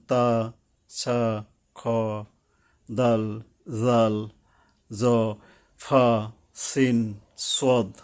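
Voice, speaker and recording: A man with a mellow, warm voice, teaching a class at a board. He walks through each rule step by step, then goes back over it. His voice sits at a middle pitch. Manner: explains step by step, repeats rules.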